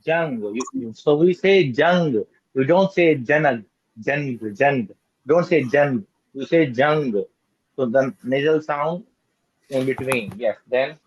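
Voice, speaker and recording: A man's voice: mid-range voice, takes it slowly, husky. A man teaching a children's language lesson, patiently repeating words and correcting pronunciation. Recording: dull lo-fi dry recording.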